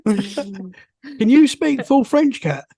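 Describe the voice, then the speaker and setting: A man chats casually as a podcast host. His voice is gravelly and rough-edged, recorded dry. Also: high-pitched, animated, extremely slow, warm tone, dry recording. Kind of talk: casual chat.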